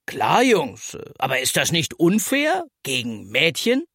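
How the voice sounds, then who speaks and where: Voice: medium pitch, huge pitch swings, takes it slowly, gravelly, a bit bright, husky, dry recording, studio quality, exaggerated voice. Storyteller playing a kind easygoing old man, encouraging, storybook. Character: good-natured elderly man, neighbourhood grandpa.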